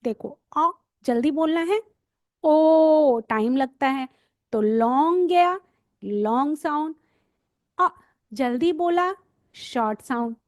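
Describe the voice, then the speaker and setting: A woman's voice: high voice, expressive, dry recording, studio quality. A woman teaching phonics to parents and teachers, stretching out letter sounds and repeating them for her listeners to copy. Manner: slow, drawn-out letter sounds with repetition. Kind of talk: explanatory lesson for parents and teachers.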